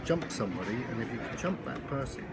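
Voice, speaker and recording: A man's voice: medium pitch, animated, quick pace, creaky, heavy background noise. An older man with an English accent chatting casually, asking lots of questions and laughing easily. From England. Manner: laughing, curious, asks many questions. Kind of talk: casual chat. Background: loud music and crowd.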